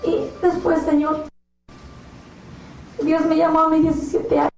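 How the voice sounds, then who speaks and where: High, slow, fervent young woman preaching. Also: little pitch movement, vocal fry. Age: young adult. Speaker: preacher giving a testimony. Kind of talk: impassioned testimony sermon. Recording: echoey room, voice from far off, faint music behind.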